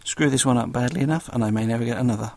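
A man's voice: medium pitch, rapid-fire, a little mellow, no echo. A man with a South London accent hosting a podcast solo, chatting casually in a dry, self-deprecating way. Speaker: guest podcast host.

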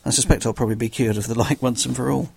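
A man's voice: medium pitch, fairly even intonation, racing, vocal fry, breathy edge. A man with a South London accent hosting a podcast solo, chatting casually in a dry, self-deprecating way. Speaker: guest podcast host.

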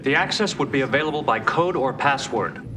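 Calm literal android guy over the ship communicator, even and exact, noisy tv audio. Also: medium pitch, a little fast. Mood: calm, precise. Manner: literal, even, matter-of-fact explaining. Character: calm precise android officer, male.

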